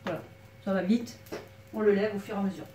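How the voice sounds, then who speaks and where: Working in a cramped back kitchen, a home cook demonstrates a recipe and chats with viewers in a brisk, steady, mid-range voice that carries a slight frog. The mic sits far away, so the echoey space and clanging pans and utensils come through loudly.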